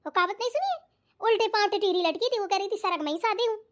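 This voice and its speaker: A woman voicing a bossy, sharp-tongued mother-in-law in a cartoon, scolding and taunting with old sayings. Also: very high-pitched, fast talker. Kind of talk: cartoon voice acting.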